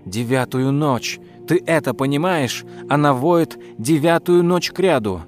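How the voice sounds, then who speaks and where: A man's voice: medium pitch, fairly even intonation, moderate pace, soft background music, lightly acted. A man reading an audiobook, voicing a distraught noblewoman in frantic, accusing outbursts. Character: distraught noblewoman, countess, anxious and shrill.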